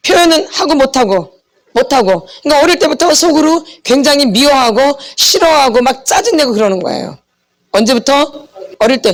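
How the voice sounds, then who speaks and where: A woman teaching a church healing seminar in a sermon style, asking her listeners short questions and answering them herself. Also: sits high. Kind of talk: teaching sermon with call and response.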